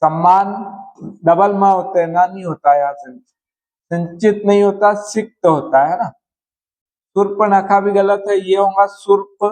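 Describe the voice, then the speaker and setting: Heard on a low-quality recording, a man with a darkish voice that sits high teaches a slow Hindi spelling-correction class. He takes the words one by one and keeps checking in with students through "है ना".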